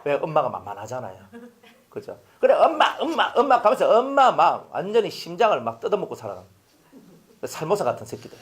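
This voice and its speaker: Man preaching in church; high-pitched, animated, peppers the congregation with questions. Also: fairly quick, slight background noise. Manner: animated, swings from loud to hushed, rhetorical questions to congregation. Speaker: pastor. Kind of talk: sermon. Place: church sanctuary.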